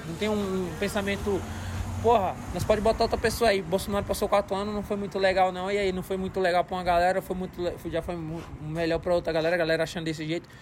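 High-pitched, fast-talking man. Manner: repeats phrases emphatically. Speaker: podcast co-host. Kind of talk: casual slangy chat.

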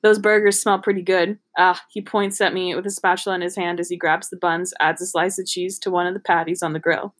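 A woman's voice: fairly low pitch, flat delivery, fast talker, few pauses, fairly bright tone. A woman reading a novel aloud in an amateur, casual way, giggly and breaking off to joke and comment. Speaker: podcast host reading a book aloud.

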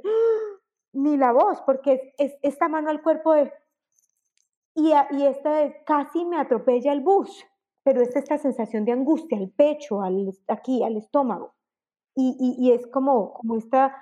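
Woman, higher voice, mellow tone, animated explainer, lo-fi audio. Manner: animated, acts out examples with exclamations. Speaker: enneagram guest expert. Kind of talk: explanatory conversation.

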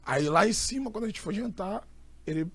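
A young Brazilian man, an itinerant preacher, telling a story in an animated, emphatic way. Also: high-pitched, brisk, slightly rough, no room sound. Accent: Brazilian Portuguese. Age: young adult. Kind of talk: casual storytelling chat.

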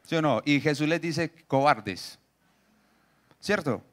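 A man preaching a sermon, reading scripture and joking with the congregation through quick questions. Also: on the high side, expressive, fairly bright tone. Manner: jokey, asks the audience questions, reads scripture aloud.

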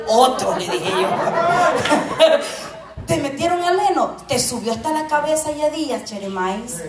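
A woman giving a fervent sermon testimony, going from quiet storytelling to shouted preaching. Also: high-pitched. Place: church hall. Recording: echoey church PA from far off. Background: music and congregation.

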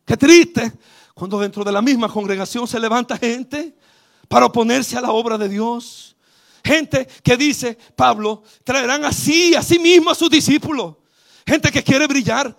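Very high, gravelly Dominican preacher man. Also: a little slow. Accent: Dominican Spanish. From Dominican Republic. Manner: fervent preaching that swells to shouts, calls out to the congregation. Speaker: bishop preaching. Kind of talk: sermon. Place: church service.

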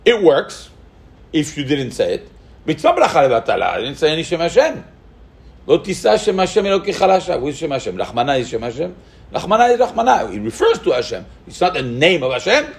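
A man's voice: a little high, wildly swooping pitch, fast talker, vocal fry. A man teaching a halachic lesson, thinking aloud with rhetorical questions and mixing Hebrew terms into his English. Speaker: Torah teacher. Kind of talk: halachic lecture.

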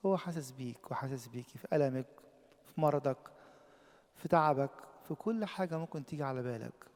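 A man with an Egyptian Arabic accent preaching a sermon, impassioned, swinging from loud emphatic peaks to quiet low lines. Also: quick pace, in a large hall.

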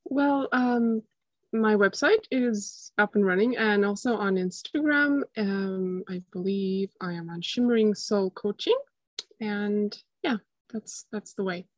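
A woman's voice: mid-range voice, takes it slowly, dry recording. A young woman with an Estonian accent, chatting casually as a guest coach in an interview.

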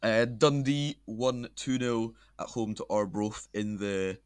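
A man's voice: on the low side, takes it slowly, clean tone, dry recording. A young man hosting a casual football podcast, chatty and laughing often. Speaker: podcast host.

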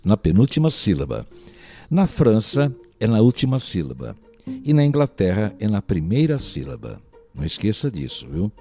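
Lively low-voiced Brazilian teacher. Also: male voice. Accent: Brazilian Portuguese. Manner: patient, explanatory, keeps asking "né?". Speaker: language teacher. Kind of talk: recorded language lesson.

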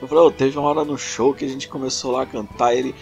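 Creaky-voiced Brazilian man telling stories. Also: medium pitch, fast, faint music behind. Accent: Brazilian Portuguese. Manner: animated storyteller, slangy, acts out dialogue. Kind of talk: casual chat.

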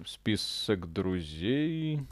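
A man's voice: low voice, very animated, extremely slow, no room sound. Man muttering through a gaming stream. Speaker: streamer playing a game. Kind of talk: casual gaming stream chat.

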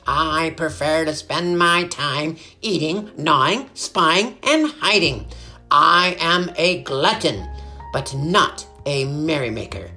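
Snooty greedy rat guy, woman doing the voice, sour, kinda loud. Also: low-pitched, expressive, slow pace, faint music behind, heavily acted. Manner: sour and haughty. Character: sour, greedy, crafty male barn rat.

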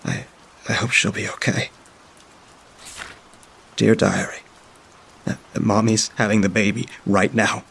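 A male storyteller reads first-person diary entries in the full character voice of a frightened young child, low, gravelly and husky. The delivery is hushed, halting and flat, barely rising or falling, stumbling over frequent fillers and restarted sentences.

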